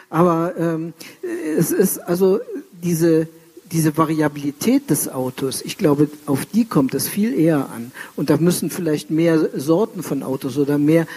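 A male panelist talks through his ideas slowly, pausing on fillers as he thinks. His voice is husky and mellow, with a dark, relaxed tone. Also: on the high side. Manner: thoughtful, hesitant with fillers. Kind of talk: panel discussion.

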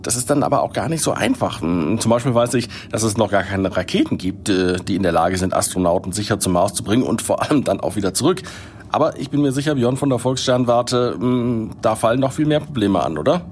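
A man's voice: on the low side, expressive, fairly quick, darkish tone, a little hiss or hum. Reassuring male children's radio host. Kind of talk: children's radio presenting, conversational.

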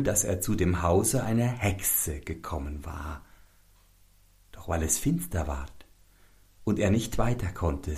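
A man narrating a fairy tale in a slow, storytelling manner. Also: low-pitched, darkish tone. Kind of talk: scripted narration.

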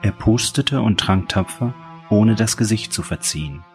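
A man reading an audiobook in a calm, even scripted narration. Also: fairly low pitch, normal speed, soft background music.

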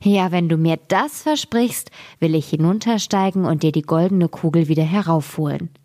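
A woman voicing a pleading male frog from a fairy tale, who talks slowly and insistently. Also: on the low side, mellow, lightly acted. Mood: coaxing.

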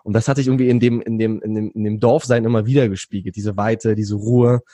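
A young man from Berlin, Germany recounts his youth as an interview guest, rambling through relaxed stories with many fillers and restarts. His lowish voice is steady, fast and mellow, and the recording is dry.

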